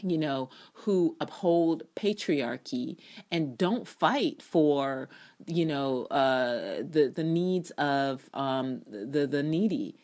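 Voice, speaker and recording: With a deep, expressive and slightly mellow voice at a slow pace, a TV drama reviewer reads her own commentary aloud. The delivery is emphatic and theatrical, opinionated and sardonic, sprinkled with casual asides.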